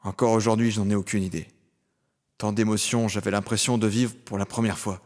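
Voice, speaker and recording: An actor with a natural, lowish, darkish male voice plays a brooding young man, a former street orphan, emotionally recalling his childhood in dramatic first-person audio drama narration. His tone is level and his pace brisk, while the mood is wistful and solemn. The delivery is solemn, literary, and nostalgic.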